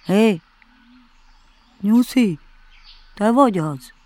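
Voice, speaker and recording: A woman voicing a polite, food-loving male bear who reasons slowly and ponderously, for a storybook reading. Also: mid-range voice, lively intonation, a little mellow, lightly acted. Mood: musing. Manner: slow, puzzled, ponderous reasoning.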